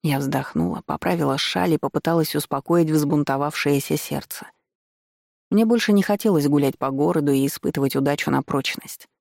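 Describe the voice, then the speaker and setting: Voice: mid-range voice, fairly quick, vocal fry, a little mellow, dry recording, studio quality. Чтец любовного фэнтези, сухая запись. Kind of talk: чтение любовного фэнтези от первого лица.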